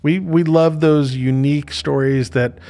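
A man's voice: fairly high pitch, steady tone, a little slow, warm tone. A man hosting a casual podcast interview, talking in a chatty, jokey, informal way. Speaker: podcast host. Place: podcast studio.

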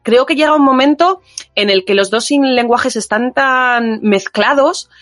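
A woman's voice: high voice, measured pace, a bit bright, dry recording, studio quality, faint music behind. Spanish woman explaining thoughtfully. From Spain. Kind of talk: casual chat.

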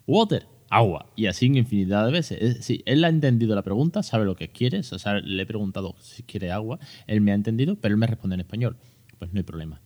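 A man's voice: on the low side, lively intonation, fast talker, warm tone. A man in his thirties with a Spain Spanish accent hosting a casual podcast, chatty and joking, with many fillers and restarts. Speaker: podcast host. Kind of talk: casual educational podcast talk.

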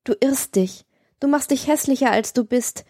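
A woman's voice: high voice, normal speed, mellow, no echo, clean studio sound, voice pushed up. A woman reading an audiobook, voicing a lovesick, submissive young man who pleads earnestly with his lover. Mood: pleading. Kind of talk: audiobook reading of a classic novel.

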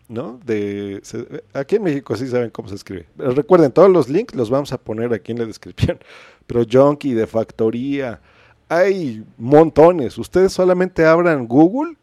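A man's voice: mid-range voice, mellow, dry recording, studio quality. A man with a Mexican accent hosting a podcast, explaining in a chatty way and often asking "¿no?". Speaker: podcast host. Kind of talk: casual instructional chat.

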